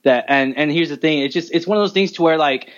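Casting: man, late 20s, rapid rambling talker, slightly raised pitch, muffled remote sound. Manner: rapid, loose and talkative. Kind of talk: casual podcast chat.

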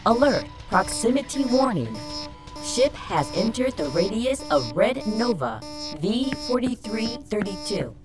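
A woman voicing a calm female ship's computer that gives formal, even warnings in an audio drama. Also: fairly high pitch, unhurried, over music.

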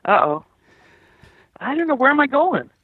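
A woman's voice: high-pitched, very animated, moderate pace, no echo. A woman calling in to a show, chatting casually while her cell phone line keeps breaking up. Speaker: caller. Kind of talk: casual call-in chat. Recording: lo-fi phone call, cutting out.

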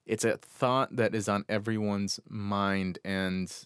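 An American man hosting a podcast alone from a small bedroom closet, speaking reflectively and earnestly in halting short phrases. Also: on the low side, steady tone, fairly bright tone, clear, resonant tone, no echo. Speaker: podcast host. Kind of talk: reflective solo podcast monologue. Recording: close, dry closet recording.

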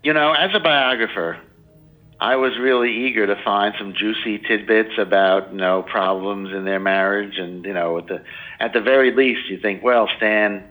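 Older guy being interviewed about a biography, lowish bright voice, lots of "you know", rambly. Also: normal speed, low-quality recording. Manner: rambling, full of "you know" and restarts, does playful voices in anecdotes. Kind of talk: casual interview talk.

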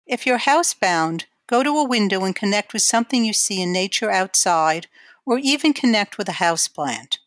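A woman giving guided imagery exercises in a calm, measured, instructional way. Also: medium pitch, no echo, clean studio sound.

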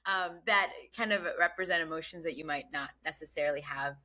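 Hosting a relaxed podcast interview, a Bangladeshi woman who doesn't speak English questions her guest warmly and curiously, with many fillers, ums and restarts. She talks briskly in a low voice.

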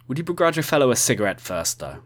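A man's voice: medium pitch, big pitch swings, fast talker, fairly bright tone, pitched above the performer's own voice. A man voicing a cocky young male spy who speaks in polite, genteel phrases. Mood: wry, polite.

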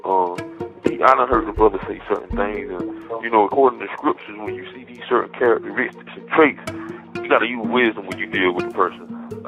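A man talking on a prison payphone call, rambling and preachy, quoting scripture and turning heated and accusing. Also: on the low side. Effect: prison payphone line. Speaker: inmate on a prison phone call. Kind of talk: rambling phone talk. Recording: tinny phone line with music behind. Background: music.

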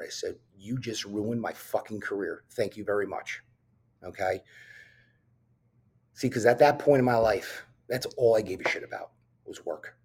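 This man's voice is lowish, gravelly and slightly rough, with a darker tone. He's a New Jersey police officer on a podcast, sharing his own story openly and bluntly, swearing often and filling pauses with "um."

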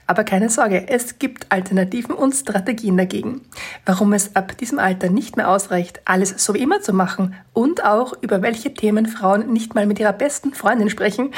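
A woman hosting a fitness podcast, asking a guest questions in a chatty, friendly way. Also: medium pitch. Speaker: podcast host. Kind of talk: podcast interview.

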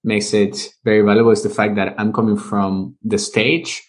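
Low-voiced man telling his story in an interview. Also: little pitch movement, normal speed. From Venezuela. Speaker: guest, live streaming business owner. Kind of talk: casual interview talk.

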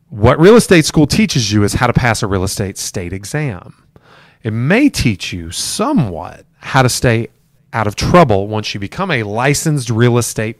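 A middle-aged man at a medium pitch, coaching new agents over a livestream. He talks in a conversational, emphatic way and circles back to restate his main points. The sound is dry and close, with no room echo. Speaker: real estate team leader and mentor. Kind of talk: live-streamed talk to new agents. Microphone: camera for a livestream.

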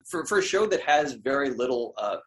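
A man's voice: mid-range voice, big pitch swings, fairly quick, a bit bright. A man co-hosting a casual podcast about a cartoon, talking eagerly and often stammering as he restarts a sentence. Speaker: podcast co-host.

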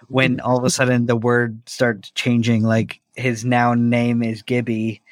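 A man joins a relaxed chat about parrots, laughing often and tossing in quick comments. His voice is mid-pitched and dry. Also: dry recording. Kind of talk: casual group chat.

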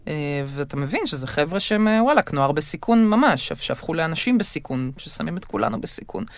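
Woman, comedian, interview guest, lively casual chat, fillers and restarts, dry studio sound. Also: low voice, creaky, no echo. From Israel. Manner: lively, quick asides, frequent fillers and restarts.

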